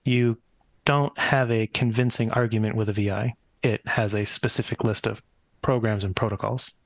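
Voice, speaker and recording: A man playing a tabletop game, reasoning through it in a measured, analytical way. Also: lowish voice, fairly even intonation, gravelly, no echo. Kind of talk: in-game discussion.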